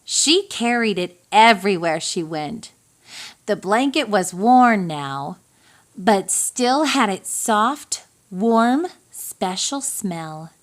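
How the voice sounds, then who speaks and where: A woman with a mid-range voice gives a deliberate, expressive storybook reading of a children's picture book meant for young listeners.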